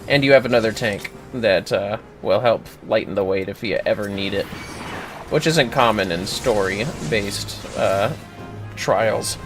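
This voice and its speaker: A man with a lowish, unhurried voice livestreams a game, laying out tactics step by step in an informal, sweary way. Music can be heard behind him.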